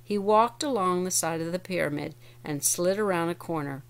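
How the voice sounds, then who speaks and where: A woman reading a children's chapter book aloud, pausing to explain words for young listeners. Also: on the low side. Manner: clear, explains words as she reads.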